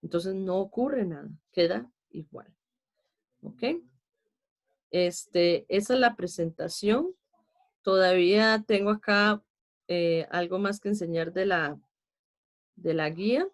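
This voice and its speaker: A Costa Rican woman, an adult with a child, teaches an online class on poetry meter, patiently explaining it step by step and counting syllables aloud. Her voice is fairly low, and she speaks slowly and pauses often.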